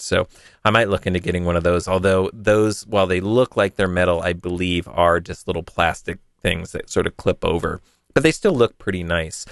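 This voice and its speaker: A man's voice: low voice, creaky, fairly bright tone, dry recording, clean studio sound. A man hosting a podcast, chatting casually and rambling a little as he answers a listener. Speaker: podcast host. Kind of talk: casual tech podcast talk.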